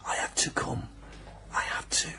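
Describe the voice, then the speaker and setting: In a period radio drama, an actor plays an earnest, defiant young working-class man with a Northern English accent, frequently slipping into breathy whispers. The performance is lightly acted at a normal speed, with an anxious, hushed mood.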